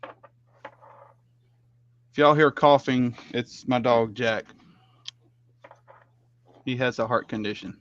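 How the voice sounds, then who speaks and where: A man's voice: mid-range voice, drawn-out words, long pauses, a bit bright. A man chatting casually, teasing the others dryly and often restarting his sentences. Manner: dry teasing, stumbling restarts. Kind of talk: casual chat. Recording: dull lo-fi sound.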